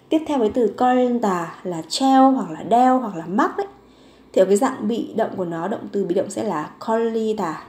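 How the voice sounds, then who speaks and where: A woman teaching a grammar lesson to learners. She is patient and says each word slowly more than once. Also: fairly high pitch, mellow, reverberant. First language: Vietnamese. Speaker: Korean language teacher.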